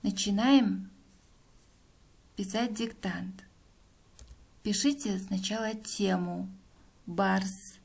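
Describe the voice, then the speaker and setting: A woman teacher dictating to young schoolchildren, saying the text word by word with pauses and repeating words. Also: medium pitch, fairly even intonation, gravelly, a little mellow. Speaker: teacher giving a dictation to third graders.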